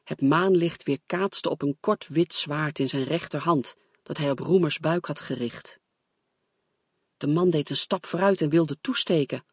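A man's voice: on the high side, measured pace, husky, no echo, clean studio sound. A man reading a story aloud as narrator, in a tense, dramatic storytelling manner. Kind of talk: scripted audiobook narration.

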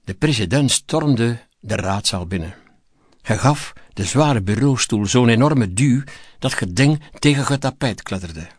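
A man narrating a story in a measured, scripted audiobook reading. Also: medium pitch, expressive, slightly rough, dry recording, clean studio sound.

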